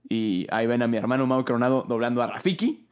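A man's voice: mid-range voice, quick pace, clean tone. Playful young Mexican man co-hosting. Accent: Mexican Spanish. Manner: playful, joking, speeds up on asides. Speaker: podcast co-host and fan dubber. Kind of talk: casual chat.

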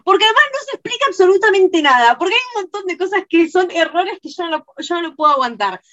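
A young woman with a Rioplatense accent, co-hosting a film podcast and retelling scenes in a fast, exasperated way. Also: very high voice, lively intonation, a bit bright, no room sound, dull audio. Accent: Rioplatense Spanish. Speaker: podcast co-host. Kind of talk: casual film review chat.

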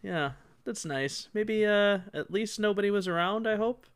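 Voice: medium pitch, normal speed, smooth. Podcast host just shooting the breeze, crude jokes and casual swearing. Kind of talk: casual comedic podcast chat.

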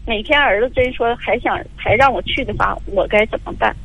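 Older woman caller, husky voice on a muffled phone line, rambling through her story. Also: on the high side, a little fast, a bit bright. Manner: tearful, rambling storytelling with many fillers. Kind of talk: call-in advice radio.

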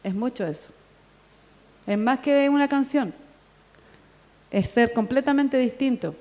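A Chilean woman pastor delivers her sermon in a somewhat high voice, animated and full of quoted dialogue. The sound carries a long reverb from a church hall. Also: unhurried. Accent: Chilean Spanish. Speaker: pastor and worship leader.

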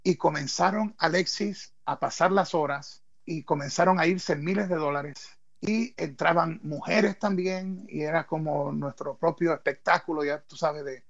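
Male podcast guest, ex-wrestler pastor, gravelly, halting, repetitive, lo-fi sound. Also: on the high side. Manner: halting, repeats words, confessional. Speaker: guest, former pro wrestler turned pastor. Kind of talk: personal storytelling in a podcast interview.

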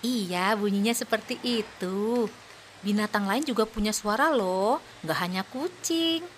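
In a scripted children's audio play, a woman plays a cheerful young mother who patiently praises and encourages her two little daughters. Her natural, medium-pitched voice speaks slowly for small children, with a little hiss or hum in the recording.

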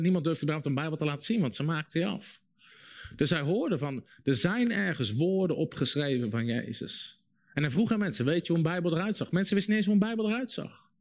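A young man preaching a sermon, telling a story vividly and repeating phrases for emphasis. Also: fairly high pitch. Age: young adult.

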